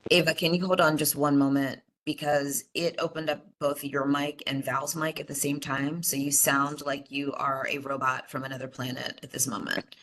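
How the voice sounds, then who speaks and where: A woman's voice: rumbling low, flat delivery, normal speed, few pauses, a bit bright, a little hiss or hum. A woman chairing a commission meeting over a video call, speaking with many fillers and restarts. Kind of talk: virtual meeting discussion.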